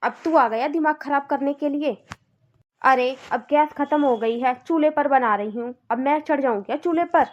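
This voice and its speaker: A woman's voice: sits high, moderate pace, highs cut off, lightly acted. A woman voicing a bossy, complaining middle-aged mother-in-law in a cartoon, nagging and scolding.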